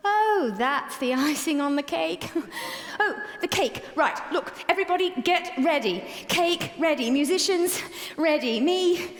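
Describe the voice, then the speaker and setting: A woman's voice: sits high, expressive, unhurried, a little hiss or hum. A woman narrating as Susanna in a staged concert, playful and comic, with asides to the audience. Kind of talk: theatrical first-person narration as Susanna. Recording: concert hall with long reverb.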